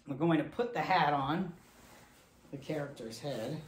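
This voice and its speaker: A man's voice: on the high side, measured pace, slight background noise. An American man in his forties hosting a casual unboxing presentation as a ventriloquist. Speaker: ventriloquist host. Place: indoor puppet studio room. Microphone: camera a few steps away. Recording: echoey room, distant camera mic.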